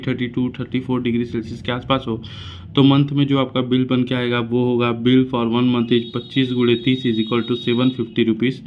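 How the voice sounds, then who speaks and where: A young man from India hosts a tech channel. He talks straight to his viewers and walks them through readings and sums one step at a time. His middle-pitched voice comes through a somewhat dull recording with a faint hiss behind it. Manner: addresses viewers directly, explains numbers step by step. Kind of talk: casual explainer vlog. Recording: slightly dull with faint noise.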